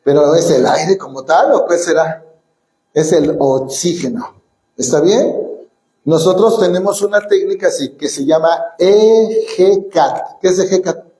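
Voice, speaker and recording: A man with a fairly high voice lectures to an audience and keeps asking them questions. He leads them through call-and-response breathing drills. His voice rings around a large echoey hall. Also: measured pace, warm tone. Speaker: martial arts teacher giving a talk. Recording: roomy hall echo.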